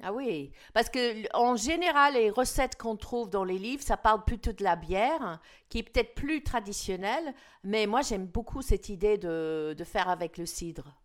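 Female host, mid-pitched, chatty and explanatory, casual cooking talk. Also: lively intonation, moderate pace, hardly any pauses. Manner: chatty, explanatory, frequent fillers.

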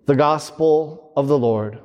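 A man speaking as a priest in solemn, measured liturgical reading and preaching, his voice ringing with cathedral echo. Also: fairly high pitch, highs cut off, background noise. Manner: solemn, measured delivery with deliberate pauses. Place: large reverberant church. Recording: long cathedral echo, reverberant church hall.

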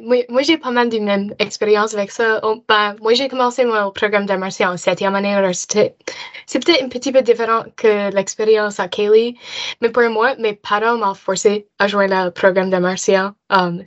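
A woman's voice: medium pitch, fairly even intonation, normal speed. A young woman from Nova Scotia, an English speaker and university student, talking chattily in a casual discussion. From Nova Scotia, Canada. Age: young adult. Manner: chatty, with filler "comme". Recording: dull lo-fi sound.

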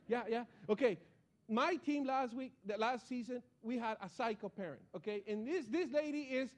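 High-voiced man preaching a lively sermon. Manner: animated storytelling with frequent restarts. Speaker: pastor. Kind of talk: sermon with personal stories.

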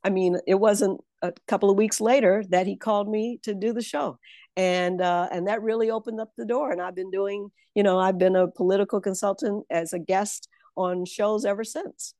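Her mid-range, mellow voice keeps a fairly even intonation and moderate pace as this political consultant tells stories in a conversational interview. She comes across as confident and emphatic and laughs easily, and the studio-quality audio has no room sound.

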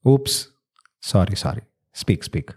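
His voice sits on the low side, husky and darkish, very animated yet slow. This South Indian-accented host and storyteller delivers scripted stories and playful family dialogue, drawing on Tamil words and Indian English phrasing.

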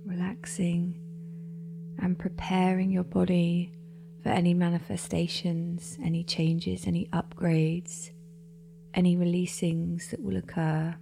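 A woman guides a meditation in a mellow, slightly gravelly voice. She speaks slowly and softly, often in a breathy half-whisper. A faint tonal hum sits behind her. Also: lowish voice, little pitch movement. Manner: slow, soft-spoken, often half-whispered.

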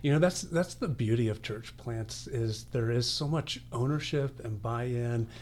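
A man's voice: medium pitch, measured pace, a little mellow, a little hiss or hum. Man hosting a church podcast interview. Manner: encouraging, affirming interviewer. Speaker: podcast host.

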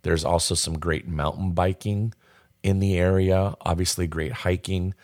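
Very deep-voiced man giving camping tips. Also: fairly even intonation, a little slow, darkish tone, no room sound, clean studio sound. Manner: friendly, practical, lists tips with fillers. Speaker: travel and camping guide. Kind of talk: casual travel itinerary talk.

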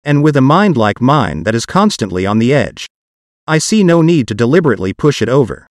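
A man's voice: mid-range voice, very animated, fairly quick, no echo, studio quality. A man's computer-generated voice, like an old speech synthesizer, hosting a podcast with scripted, machine-like narration. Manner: evenly articulated, machine-like reading. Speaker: podcast host.

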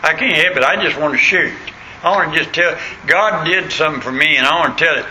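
Bright, forceful rural American country preacher man. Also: on the high side, quick pace. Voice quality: country voice, plain untrained diction. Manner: folksy, punctuates points with questions to listeners. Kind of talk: sermon with anecdotes and scripture reading. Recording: clearly noisy recording.

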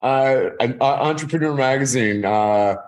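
A man in his forties talks in an everyday mid-range voice, circling back on his words and restarting sentences as he goes. His tone stays conversational and unpolished, like a guest thinking out loud on a podcast. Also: mid-range voice. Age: 40s. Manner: halting, many restarts and repeated words. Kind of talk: casual conversation.

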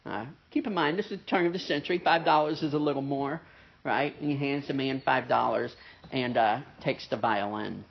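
A pastor preaches a sermon conversationally at a church service with a pianist present, his mid-range, nasal voice carrying vocal fry at normal speed. He leans on lots of "uh" fillers and "right?" asides. The recording sounds dull and muffled, with slight background noise.

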